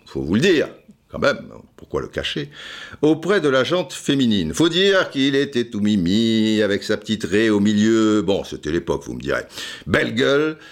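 A man hosts a playful podcast on football history, joking, being theatrical, and often stammering into repeats while singing and humming asides. His voice is fairly low and fairly bright, with some vocal fry.

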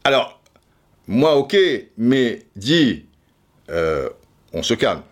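A man's voice: medium pitch, big pitch swings, drawn-out words. A man talking casually as a commentator, repeating words as he stammers and swearing now and then. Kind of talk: casual chat.

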